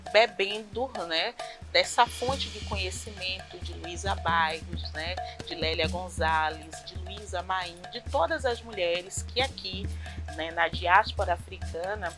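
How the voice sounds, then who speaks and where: Bahian woman academic, thoughtful talk, music loud behind. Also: mid-range voice. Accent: Bahian Brazilian Portuguese. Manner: reflective, academic.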